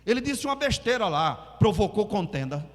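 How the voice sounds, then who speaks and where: A man's voice: high-pitched, sing-song, brisk, long reverb tail. A man preaching a sermon as a pastor, talking conversationally, acting out quotes and prompting the congregation to repeat after him. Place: church hall.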